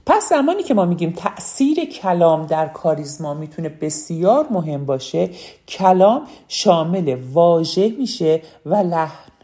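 A woman's voice: on the low side, mellow. A woman giving a spoken lesson on public speaking, emphatic and repeating key phrases.

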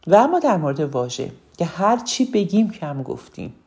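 A woman gives an instructional talk on speaking well, her voice low-pitched and mellow. She talks earnestly, often saying a key phrase twice to drive it home. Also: very animated. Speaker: speaking coach.

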